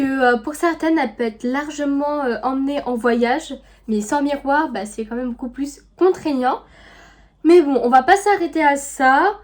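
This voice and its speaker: A beauty vlogger with a high-sitting voice chats casually through a makeup tutorial, using plenty of fillers. While she works, she drops to a soft murmur.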